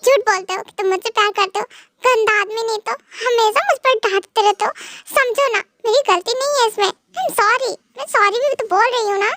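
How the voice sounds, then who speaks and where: Naughty young wife, whiny and sulky, for a fan dub, voiced by a young woman with a very high voice. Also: moderate pace, fairly bright tone, slight background noise. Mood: pouty. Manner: whiny, pouting.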